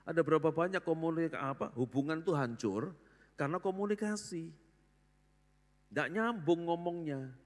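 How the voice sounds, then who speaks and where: An older pastor, his voice sitting a little high for a man, preaches with lively, jokey energy and acts out the people he talks about. He is recorded in a large church hall, and his words ring on in a long reverb. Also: moderate pace, long pauses. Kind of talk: sermon.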